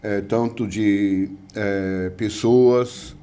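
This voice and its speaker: A man's voice: fairly low pitch, steady tone, extremely slow, warm tone, smooth. An older man from the United States with an American English accent, a guest professor speaking hesitantly with many fillers in an interview. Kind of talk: interview conversation.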